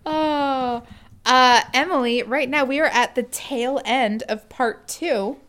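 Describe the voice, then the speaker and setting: A woman co-hosting a book podcast, chatting excitedly and laughing easily with her sister. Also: high voice. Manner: excitable, gushing, quick to laugh. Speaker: podcast co-host. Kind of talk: casual chat.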